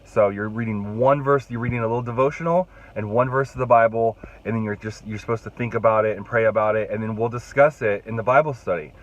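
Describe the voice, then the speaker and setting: This youth pastor, a young adult man, talks quickly to his arm's-length phone camera with hardly any pauses, rambling casually with restarts. A cold leaves his fairly low-pitched voice congested and rough, and the recording has its highs cut off.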